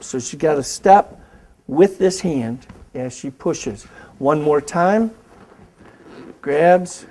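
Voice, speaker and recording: On a safety show, a man who hosts and teaches martial arts demonstrates a self-defense move, coaching each step with clear commands. He speaks in a high, slightly mellow voice.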